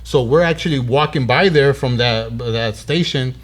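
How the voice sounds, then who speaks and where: A man's voice: mid-range voice, normal speed. A man in his thirties hosting a podcast, telling a story in casual slang and acting out the dialogue. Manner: animated, slangy, acts out quoted dialogue.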